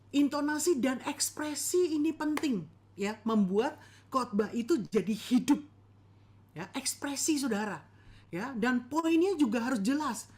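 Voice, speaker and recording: Lively woman teaching preaching. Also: fairly high pitch. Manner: lively, animated, calls on the audience. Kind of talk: church preaching lesson.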